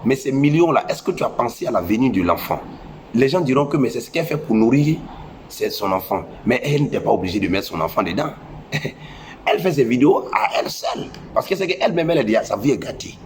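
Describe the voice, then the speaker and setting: This young man talks fairly quickly and animatedly at a medium pitch, with a little hiss or hum in the recording. Speaking with a West African French accent through a head cold, the social media commentator preaches at parents in a scolding, impassioned monologue, repeating phrases for emphasis.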